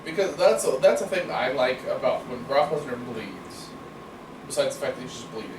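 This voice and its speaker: A man's voice: medium pitch, animated, fairly quick. A man co-hosting a casual wrestling podcast, making dry joking asides. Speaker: podcast co-host. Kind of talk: casual wrestling review chat. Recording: roomy, distant mic, noisy background.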